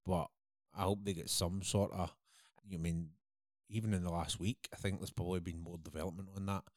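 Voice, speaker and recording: Deep-voiced man, dry sound. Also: steady tone, brisk, no echo. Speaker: co-host. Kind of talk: casual chat.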